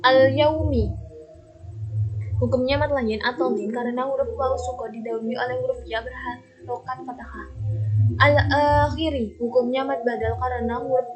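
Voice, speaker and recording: A young woman student reading out a tajwid lesson, stating each rule in a steady, methodical way and stretching out the quoted words slowly. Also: on the high side, muffled recording, a little hiss or hum. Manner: steady recitation-style explanation, drawing out quoted Quranic words slowly. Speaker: university student. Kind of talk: reading a recorded tajwid assignment.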